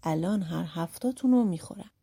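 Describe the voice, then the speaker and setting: A poor bald young man from a folk tale, blunt and stubborn, as a woman narrator acts him out. His husky, mellow voice carries plain defiance, and the storybook telling stays simple. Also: lowish voice.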